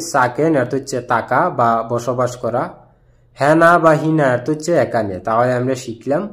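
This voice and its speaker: A man giving a scripted language lesson, explaining each phrase word by word in a steady, repetitive way. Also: mid-range voice. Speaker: language teacher.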